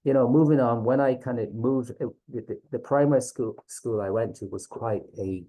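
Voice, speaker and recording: A man's voice: medium pitch, moderate pace, mellow, poor audio. A man with a west of Ireland accent giving an informal presentation as a teacher, hesitant and often checking in with listeners. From Galway, west of Ireland. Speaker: teacher presenting a reading series.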